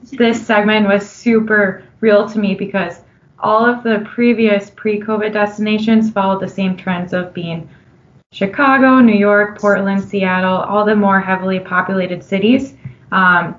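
A woman with a Minnesotan accent talks as a guest in a relaxed interview, friendly and upbeat. Her voice sits at an everyday middle pitch. The sound is dull and lo-fi. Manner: friendly, upbeat, laughs easily. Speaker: customer analyst guest. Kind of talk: casual conversational interview.

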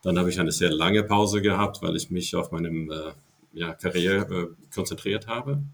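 Older American man, low gravelly voice. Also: normal speed. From Ohio, USA. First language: English. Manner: hesitant, frequent fillers. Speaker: podcast guest, baseball veteran. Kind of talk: casual interview talk.

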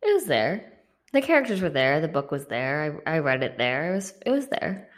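A woman with a fairly low voice co-hosts a casual book podcast, talking in a chatty way and stringing her thoughts together with fillers. She records in a bare-walled apartment she is about to leave, so her voice comes back echoey off the blank walls. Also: very animated, moderate pace. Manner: chatty, heavy use of filler words. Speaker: podcast co-host.

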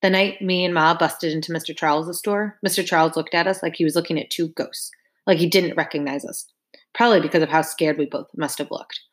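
A woman's voice: sits low, fairly even intonation, brisk. A woman reading a first-person audiobook narration in a casual, wry, conversational way.

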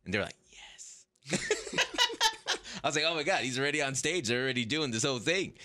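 A man hosting a podcast, telling a story in a casual, animated way, laughing often and putting on whispers as he goes. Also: medium pitch, quick pace. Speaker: podcast host.

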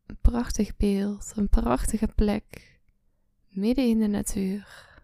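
A woman guiding a relaxation meditation, speaking slowly and softly, often in a whisper, close to the mic. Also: medium pitch, steady tone, gravelly, no echo. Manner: slow soft-spoken, often whispering. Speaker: meditation guide.

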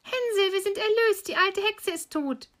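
A small fairy-tale girl speaks in a very high, plaintive child's voice, as a woman puts her on. Her voice sounds thin and bright, with the little-girl quality pushed to the fore. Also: fairly quick. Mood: overjoyed. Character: frightened little girl, later overjoyed.

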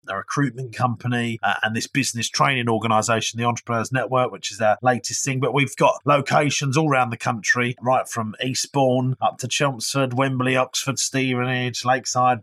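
An upbeat man with an Essex accent talks energetically as an interview guest on business. His pitch sits in the middle for a man. The sound is dry and close, with little room to it. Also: sharp tone, no room sound. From Essex, England. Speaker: guest entrepreneur and business speaker.

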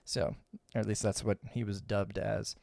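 A man's voice: on the low side, little pitch movement, moderate pace, creaky, darkish tone, no echo, clean studio sound. Laid-back man chatting on a podcast. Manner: laid-back, laughs often, swears casually. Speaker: podcast co-host. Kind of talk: casual podcast chat.

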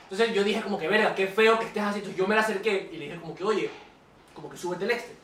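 A young man from Ecuador hosting a podcast, telling stories in an animated, casual way. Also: high voice, fast, roomy sound, far from the mic, slight background noise. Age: young adult. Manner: animated storytelling. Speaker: podcast host. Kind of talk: casual chat.

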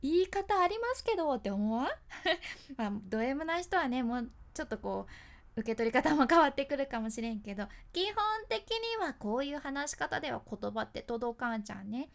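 A woman's voice: on the high side, lively intonation, normal speed, gravelly. A woman with a who works as a freelance announcer, giving a chatty, upbeat speaking lesson with frequent laughter. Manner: chatty and upbeat, laughing often while explaining. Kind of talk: casual spoken lesson.

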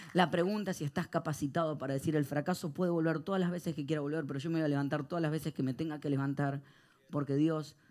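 Preaching to a congregation that is present in person, this man's fairly high-pitched voice moves back and forth from hushed, thoughtful passages to boisterous, lively anecdotes.

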